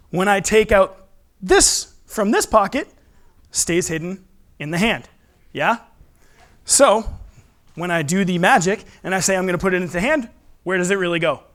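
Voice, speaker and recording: This man's voice is high and a little bright. He's a stage magician doing a live show in a room, teaching tricks through playful kids party patter, teasing his responsive audience and putting questions to them.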